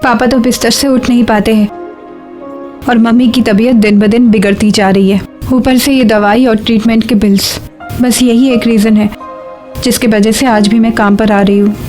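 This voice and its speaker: A woman's voice: on the high side, steady tone, normal speed, darkish tone, soft background music, lightly acted. A young woman playing a tired office worker speaking earnestly in a TV drama. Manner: weary, earnest. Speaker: office employee. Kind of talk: TV drama dialogue.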